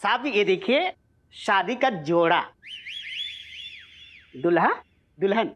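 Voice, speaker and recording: A man's voice: sits high, slow, muffled recording, a little hiss or hum. An actor playing a cheeky servant who wheedles and begs his boss. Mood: wheedling. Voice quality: wheedling, lively. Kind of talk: sitcom acting.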